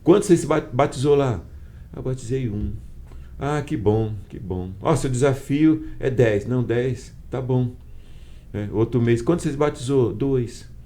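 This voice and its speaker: A man's voice: mid-range voice, unhurried, mellow. A man with a Brazilian Portuguese accent, a bishop guest telling a heartfelt personal testimony and acting out the quoted dialogue. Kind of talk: personal testimony in a podcast conversation.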